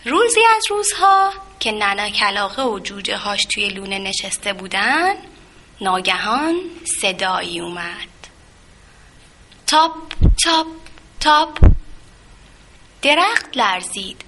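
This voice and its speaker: A woman narrating a children's story in a gentle, expressive way. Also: medium pitch. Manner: gentle, expressive, with sound effects.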